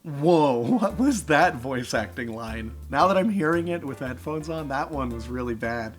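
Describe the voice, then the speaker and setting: A young man hosting a reaction video with excitable, sarcastic, laughing commentary. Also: medium pitch, normal speed, over music. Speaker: video host.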